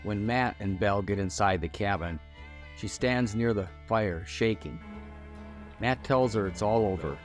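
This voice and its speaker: A man with a fairly low voice narrates a television retrospective in an unhurried, scripted storytelling style for a TV review video. Faint guitar music plays behind him.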